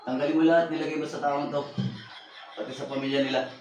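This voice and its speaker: A man's voice: a little high, flat delivery, fast talker, darkish tone, highs cut off. Commanding male healer, echoey room. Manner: commanding, repeats short questions, chants incantations. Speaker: faith healer. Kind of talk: interrogating a spirit during a healing rite. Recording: echoey, distant, noisy room recording.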